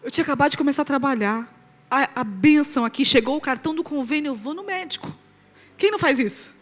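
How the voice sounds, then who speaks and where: A Brazilian woman with a high voice and a Brazilian Portuguese accent gives a lively testimony from the pulpit. Her story rises to loud, high exclamations and drops to soft, quiet asides. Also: fast talker, soft background music. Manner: animated storyteller, swings loud and soft, laughs along. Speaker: preacher. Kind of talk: testimony to a live audience.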